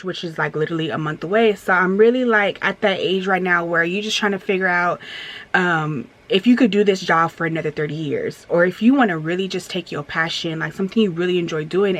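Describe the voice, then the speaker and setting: Speaking on the low side with a fairly bright tone, a woman in her thirties vlogs a casual storytime as she gets ready. She's candid and rambling, full of fillers and restarts, and turns emphatic whenever she vents.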